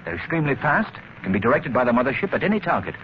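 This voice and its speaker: An actor playing a keen, assured gentleman sleuth, crisp and earnest, in an old radio drama. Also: medium pitch, big pitch swings, rapid-fire, lightly acted. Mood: grave, urgent. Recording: muffled, noisy vintage radio recording.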